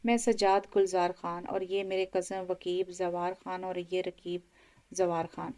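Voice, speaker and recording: A woman's voice: lowish voice, little pitch movement, unhurried, mellow, close to an everyday voice. Woman voicing a polite, friendly young man.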